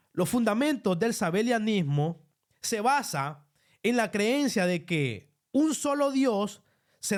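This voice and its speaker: A man preaching a Bible teaching sermon, reading verses aloud and asking listeners to underline words. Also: sits high. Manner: explains slowly, tells listeners to underline verses.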